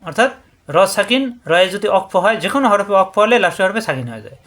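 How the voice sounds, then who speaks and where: Guy with a high voice teaching quran reading rules, says syllables over and over slowly. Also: big pitch swings, fairly bright tone. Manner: slow, repetitive drilling of syllables; explains rules step by step, addressing viewers. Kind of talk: tajweed lesson.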